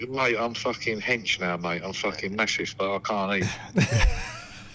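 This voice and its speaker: A man on a loudspeaker phone call, talking bluntly and swearing constantly in casual chat. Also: on the low side, unhurried. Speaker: caller.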